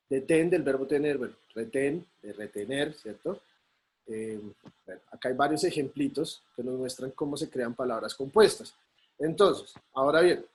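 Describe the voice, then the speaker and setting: A male teacher, patiently explaining a lesson over a video call and often checking in with his students. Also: medium pitch. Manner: patient, checks in with frequent tag questions. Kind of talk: online class explanation.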